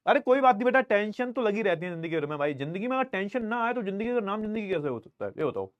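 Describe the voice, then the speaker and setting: A man's voice: sits high, big pitch swings, fast, dry recording, dull audio. A man teaching a casual live online class from a studio, who talks to his students in a friendly, chatty way and keeps checking that his audio comes through. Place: recording studio.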